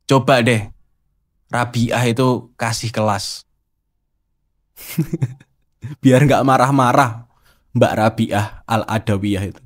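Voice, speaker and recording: A man hosting a casual spiritual monologue, teasing and rhetorical as he challenges the listener. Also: medium pitch. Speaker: host.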